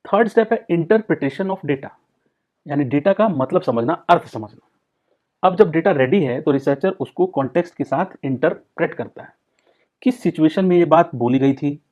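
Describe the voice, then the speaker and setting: Man giving an exam-prep lecture, lo-fi. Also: a little high. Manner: explains in Hindi mixed with English terms, repeats key points. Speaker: psychology tutor. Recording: dull, lo-fi sound.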